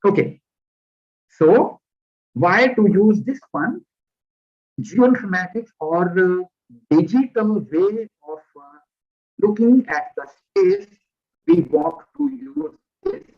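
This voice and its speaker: A man's voice: high-pitched, sing-song, slow, vocal fry, long pauses. A man giving a visiting lecture online through a headset, explaining at a careful pace with restarts. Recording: muffled lo-fi video call audio.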